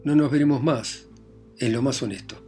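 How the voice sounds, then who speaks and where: Guy voicing a tormented young woman in an audiobook, curt, harsh, middle-pitched. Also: moderate pace, warm tone, faint music behind, natural voice. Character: bitter, tormented young woman pushing her lover away.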